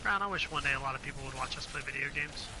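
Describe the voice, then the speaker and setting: A man's voice: medium pitch, racing. A young man chatting casually while playing a video game, rambling and joking as he thinks aloud. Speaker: gamer. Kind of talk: casual gameplay chat. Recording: noisy home gaming recording.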